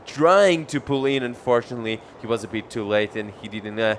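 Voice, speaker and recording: A man commentating live on a surfing contest, announcing score updates in a measured, piece-by-piece way. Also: medium pitch, a little hiss or hum.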